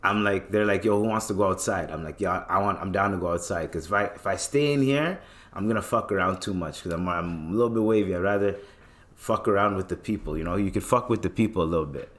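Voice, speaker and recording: A man's voice: low voice, quick pace, fairly bright tone. A young man casually telling a story on a podcast, slangy and swearing freely. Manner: laid-back slangy, swears freely, repeats filler phrases. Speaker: podcast host.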